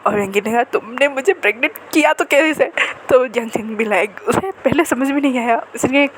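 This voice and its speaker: A woman's voice: high-pitched, a little fast, a little hiss or hum, low-quality recording. A woman casually narrating a fan-fiction romance story in a chatty, conversational way.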